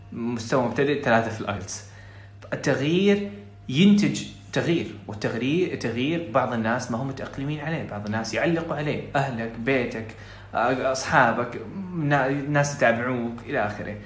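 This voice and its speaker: A man's voice: medium pitch, roomy sound. A Saudi man with a Saudi Arabic accent giving earnest, pleading advice on a podcast, dropping English phrases into his talk.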